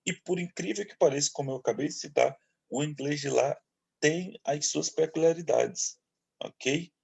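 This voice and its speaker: A man from Brazil teaching an English lesson to eighth graders, explaining slowly and often checking in with his students. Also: a little high, creaky, darkish tone, husky. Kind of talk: online class lecture.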